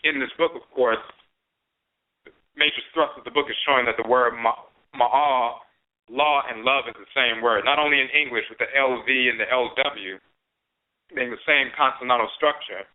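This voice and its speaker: A man teaching on an internet radio program, his voice sitting at an ordinary middle pitch. He speaks slowly and deliberately, repeating key words as he explains them. The sound is thin and narrow, like a phone call. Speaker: radio show host and teacher. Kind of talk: spiritual lecture on internet radio.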